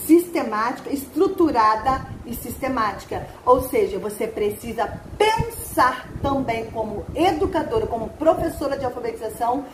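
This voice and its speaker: A woman's voice: a little high, echoey room, a little hiss or hum, rough recording. A woman who trains literacy teachers, speaking earnestly in an online teaching video and stretching out syllables when she demonstrates them.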